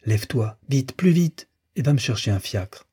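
A man's voice: mid-range voice, animated, moderate pace, dark tone, slightly rough. A man voicing an impulsive young woman in love, urgent and commanding, in an audiobook reading. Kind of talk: audiobook character voice.

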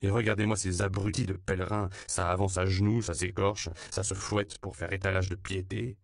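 A man's voice: low-pitched, level tone, moderate pace, vocal fry, no room sound, clean studio sound. A man voicing a weary older male writer who speaks in blunt, bitter outbursts. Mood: scornful.

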